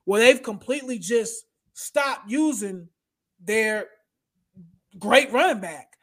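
A man's voice: sits high, expressive, slow, a bit bright. A man hosting a casual sports talk show, blunt and opinionated, who often says "bro" and "y'all". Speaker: podcast host.

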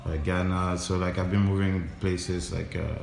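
Very deep, flat-voiced young man. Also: normal speed, gravelly, roomy sound. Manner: relaxed, many fillers. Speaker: DJ and interview guest. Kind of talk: casual interview chat.

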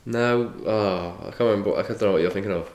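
A man's voice: lowish voice, a little fast, darkish tone, reverberant. A man co-hosting a podcast in joking, sweary casual banter. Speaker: podcast co-host. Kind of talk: casual chat.

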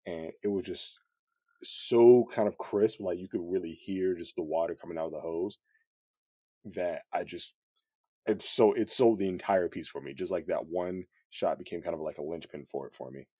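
A man, a cinematographer guest, talking in a relaxed, rambling way with lots of fillers. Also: low voice, moderate pace, slightly rough, no room sound, clean studio sound. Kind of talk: casual podcast conversation.

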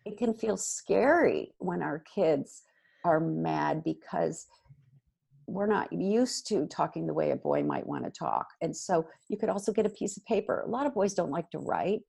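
A woman giving parenting advice in casual chat, animated and acting out what parents and kids might say. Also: fairly low pitch, moderate pace, creaky, breathy edge. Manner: animated, acts out quoted dialogue. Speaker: parenting guest expert.

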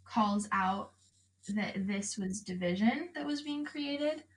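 A woman's voice: medium pitch, lively intonation, takes it slowly, poor audio. A woman co-hosting a podcast, thinking aloud in a casual, thoughtful way. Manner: thoughtful, with fillers. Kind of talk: casual discussion.

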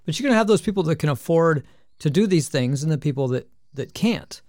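A man's voice: a little high, expressive, brisk, a little mellow, no room sound, clean studio sound. A man co-hosting a podcast, chatting casually, rambling with frequent restarts and hesitations. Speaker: podcast co-host. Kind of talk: casual chat.

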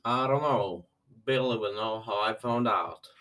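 A worried, hesitant boy acted by a man in an amateur drama read-through, heard at a distance from the mic. He is doubtful, and his voice is on the low side. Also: measured pace, fairly bright tone. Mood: worried, reluctant. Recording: distant from the microphone.

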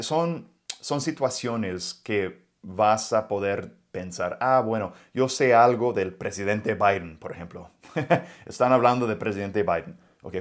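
A man from the United States, an English native speaker, hosting a podcast in Mexican Spanish and giving learning tips in a relaxed, casual way full of fillers and restarts. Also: fairly low pitch. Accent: American English speaker of Mexican Spanish. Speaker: podcast host.

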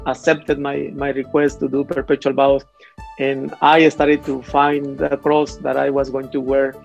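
A man from Mexico, a priest guest in a conversational interview, speaking in a hesitant, halting way with many restarts. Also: mid-range voice, monotone, gravelly. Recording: slightly dull audio with faint music.

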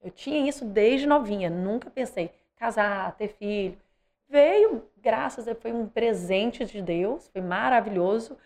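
A woman's voice: medium pitch, unhurried. A middle-aged Brazilian woman, a guest athlete, telling stories animatedly in a casual interview. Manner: animated, acts out quoted voices.

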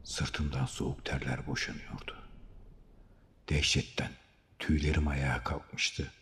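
A male narrator with an extremely deep voice tells a first-person story in a measured, dramatic manner. His reading rings out with a long hall reverb. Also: little pitch movement, a bit bright, a little hiss or hum. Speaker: audiobook narrator.

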